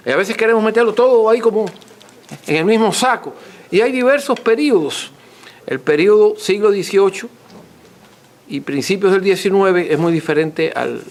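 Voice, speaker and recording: A man gives an extempore scholarly talk as a lecturer, teaching courteously and repeating points for emphasis. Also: fairly high pitch. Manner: didactic, emphatic repetition, courteous. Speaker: author and lecturer answering audience questions.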